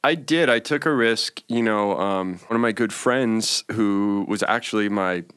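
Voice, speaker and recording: A man's voice: on the low side, unhurried, a bit bright, clean tone. A man in his forties telling his story as an interview guest, rambling with fillers and restarts. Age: 40s. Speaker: interview guest, cannabis business owner.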